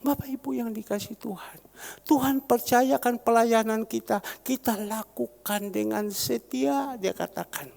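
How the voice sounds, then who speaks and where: A man preaching as a pastor, repeating phrases fervently and rising to sudden loud peaks. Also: extremely high pitch, a little slow, vocal fry. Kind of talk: sermon. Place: large church hall. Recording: long church-hall reverb.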